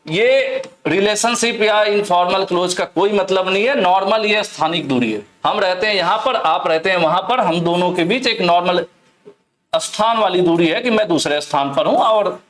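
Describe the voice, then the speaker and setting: A man's voice: sits high, moderate pace, fairly bright tone. A young man from Uttar Pradesh teaching, who talks through exam questions step by step and keeps asking and answering his own questions. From Uttar Pradesh, India. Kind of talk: exam question walkthrough lesson.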